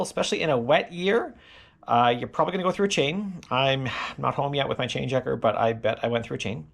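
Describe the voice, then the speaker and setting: Gravelly, rambling middle-aged man. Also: mid-range voice. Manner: rambling, filler-heavy, self-deprecating. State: sore and tired after a hard ride. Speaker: gravel cyclist vlogger. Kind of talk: casual recap to camera.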